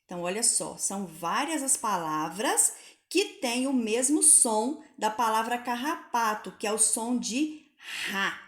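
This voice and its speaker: A woman teaching Portuguese spelling to pupils in a recorded lesson, patient and clear, sounding out each word slowly. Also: a little high, animated, reverberant.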